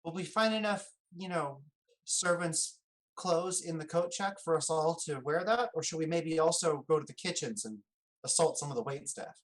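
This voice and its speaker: A woman's voice: deep voice, moderate pace, rough recording. A woman playing a tabletop game, suggesting ideas to the group. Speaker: player. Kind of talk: tabletop role-play chat.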